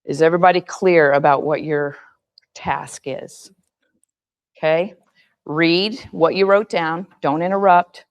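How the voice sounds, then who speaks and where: Low-voiced woman running a meeting. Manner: directive, step-by-step. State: losing her voice. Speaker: meeting facilitator. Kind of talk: giving group instructions. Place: meeting room.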